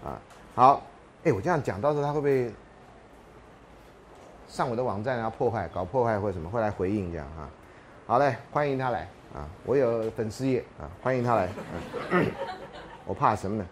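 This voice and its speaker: Lively joking male lecturer. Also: mid-range voice, brisk, long pauses, a little hiss or hum. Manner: joking storyteller, laughs mid-sentence. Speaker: university lecturer. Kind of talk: classroom lecture.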